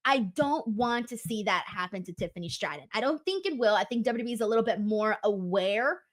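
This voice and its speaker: A woman host giving casual, animated wrestling commentary in an emphatic, conversational way. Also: mid-range voice, a little fast. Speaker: wrestling talk show host.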